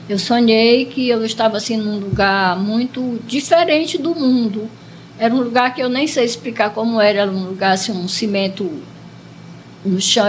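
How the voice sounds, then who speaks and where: A woman's voice: a little high, a little hiss or hum, low-quality recording. A Brazilian woman who is a parishioner, telling her personal healing testimony with earnest, repetitive storytelling, her emotion at times breaking through. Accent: Brazilian Portuguese.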